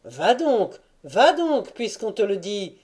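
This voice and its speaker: A woman reading an audiobook and voicing a crowd of rowdy, drunken male Cossacks with shouted, high-pitched cries. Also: measured pace, natural voice. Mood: rough urging. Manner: shouting, rough, cries of names.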